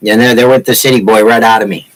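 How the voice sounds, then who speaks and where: On a rough recording, a man with a medium-pitched, fairly bright voice runs a woodcarving livestream. In his sixties and from Massachusetts with no regional accent, he chats casually, rambles and teases his viewers with jokes.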